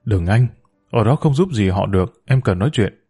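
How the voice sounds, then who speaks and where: A man's voice: fairly low pitch, animated, moderate pace, warm tone, breathy edge, faint music behind. A man voicing a stern younger brother-in-law who speaks seriously. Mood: firm. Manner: firm, serious.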